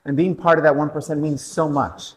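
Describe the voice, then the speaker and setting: A man's voice: on the high side, level tone, brisk, big-room sound, low-quality recording. A man coaching an indoor cycling class, telling a personal race story between motivational interval cues and countdowns.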